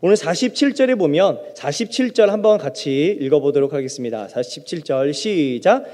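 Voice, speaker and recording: A man preaching a sermon as pastor, asking the congregation questions and acting out loud cries for help. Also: on the high side, expressive, brisk. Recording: long hall reverb.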